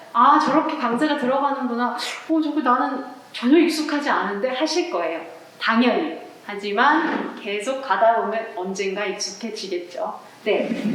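A woman's voice: medium pitch, a bit bright, far from the mic, a little hiss or hum. A woman teaching a flamenco rhythm class to viewers, talking in a friendly way and counting beats aloud while seated indoors. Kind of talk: online arts class lesson. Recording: very echoey room, voice off-mic.

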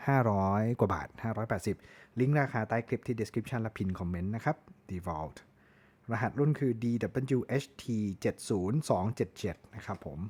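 A Thai man with a low, husky voice talks through a tool review in a casual, chatty way. He often corrects himself as he goes and spells out words letter by letter. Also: darkish tone.

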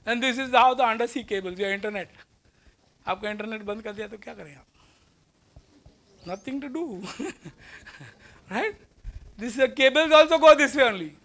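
Wearing a lapel mic, a guest lecturer with an Indian English accent addresses a large auditorium full of seated students. His unusually high, bright voice keeps things conversational as he throws rhetorical questions at them, walking the stage and gesturing as he talks.

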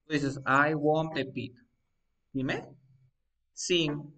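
A man's voice: on the high side, steady tone, very slow, sharp tone, recorded from a distance. A man teaching an English grammar lesson, coaxing his students step by step with repeated questions. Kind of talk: live online grammar lesson.

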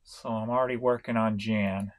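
A middle-aged man from St. Louis, Missouri, giving a casual vlog update on his online reselling, talking in a slow, rambling way with many fillers and restarts. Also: on the low side, fairly even intonation. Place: home room, indoors.

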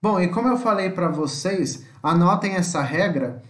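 A Brazilian man teaching an online language lesson, explaining slowly and spelling out and repeating example words. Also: sits high, animated, fairly bright tone, echoey room. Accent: Brazilian Portuguese.

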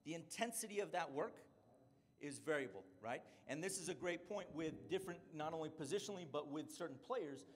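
A middle-aged strength and conditioning coach, his voice a little high and expressive, presents at a conference at a fairly quick clip. He explains his points and often checks in with "right?"

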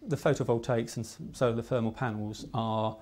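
A middle-aged man with an English accent, giving a measured, explanatory documentary interview indoors about a housing project he managed. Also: mid-range voice, flat delivery, a little mellow.

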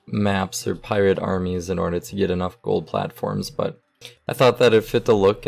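A young man giving relaxed, casual commentary over his game, thinking aloud as he sorts items, with the hiccups. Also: deep voice, gravelly. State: has the hiccups. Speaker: gaming YouTuber.

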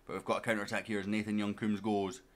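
Low-voiced man casually commentating a game. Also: little pitch movement, quick pace. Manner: chatty, talks straight to viewers and to his players. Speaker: gaming YouTuber. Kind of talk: casual let's-play commentary.

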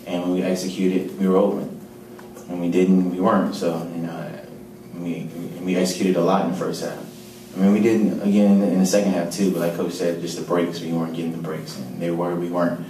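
A man answering questions after a game in a low-key, matter-of-fact way. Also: flat delivery, brisk, warm tone, a little hiss or hum. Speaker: football player at a postgame press conference. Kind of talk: postgame press conference answers. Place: large press room. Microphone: table mic, heard from a distance. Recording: roomy, distant press room audio.

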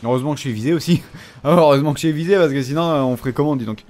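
A man's voice: a little high, racing, darkish tone. A man giving casual commentary over his own gameplay, chatty and teasing the enemies he fights. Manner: chatty, taunts enemies, frequent fillers. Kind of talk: casual let's-play commentary.

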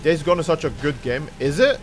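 A man streaming a video game, rambling casually, swearing and reacting loudly to what happens on screen. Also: on the high side, a little fast, soft background music. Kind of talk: casual gaming stream chat.

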